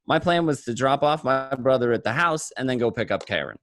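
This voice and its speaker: A man with a slightly bright mid-range voice and lively intonation plays a paranoid, street-smart gangster in a radio play. Speaking fairly fast, he narrates his day of crime in the first person, coarse, chatty, and matter-of-fact.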